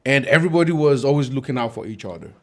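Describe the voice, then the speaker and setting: A man recalling his upbringing in quick, animated casual podcast talk. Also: mid-range voice. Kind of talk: casual conversation.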